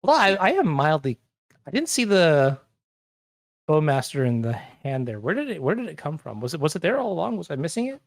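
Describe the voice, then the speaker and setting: A young man co-commentating a live card game match in a high voice. He gets excited and stumbles over restarts. The sound is dry and close, with no room echo. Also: fairly quick, vocal fry. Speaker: tournament co-commentator.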